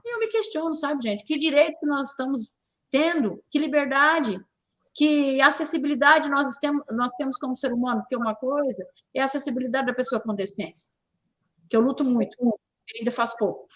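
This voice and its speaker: A woman's voice: high voice, brisk, a bit bright. A woman from Brazil hosting a talk show, speaking emphatically, repeating key words and firing rhetorical questions. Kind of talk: opinionated talk show discussion.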